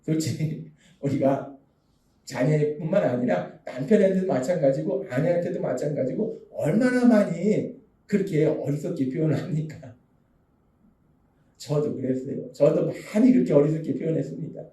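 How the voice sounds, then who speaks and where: A man's voice: on the high side, lively intonation, normal speed, warm tone, roomy sound, recorded from a distance. A man preaching a sermon as pastor, asking earnest rhetorical questions. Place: church sanctuary.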